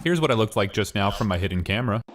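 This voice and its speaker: A man's voice: lowish voice, expressive, rapid-fire, faint music behind. A young man giving wry, self-aware voice-over narration for his vlog. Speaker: vlogger.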